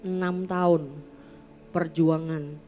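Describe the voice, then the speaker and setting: A woman's voice: low-pitched, level tone, slow pace, warm tone, faint music behind. A woman pastor preaching a sermon in a chatty storytelling way, slipping into playful slang. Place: church.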